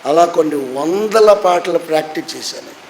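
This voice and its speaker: A man's voice: fairly high pitch, moderate pace, slight background noise, poor audio. A man in his sixties, a pastor, preaching a sermon that he tells as a story and acts out with voiced quotes. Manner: animated storytelling with acted quotes. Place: church hall.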